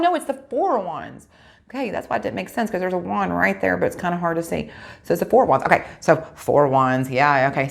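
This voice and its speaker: Woman tarot reader, low gravelly voice, chatty and direct with viewers, casual. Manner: chatty, talks straight to viewers, corrects herself aloud.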